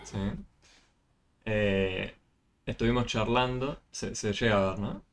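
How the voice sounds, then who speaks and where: A man, speaking in a fairly low voice, walks a student through math on a video call. He is patient and explains step by step, with frequent fillers and small restarts. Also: steady tone, slow. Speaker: math tutor. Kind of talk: online tutoring session.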